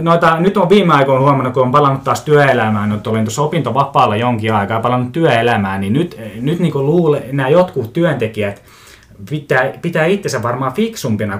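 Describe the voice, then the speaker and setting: A man hosting a casual solo podcast, rambling through his pet peeves in a self-mocking, grumbling way, often restarting his sentences and chuckling to himself. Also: mid-range voice. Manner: mimics other people's voices for comic effect. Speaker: podcast host.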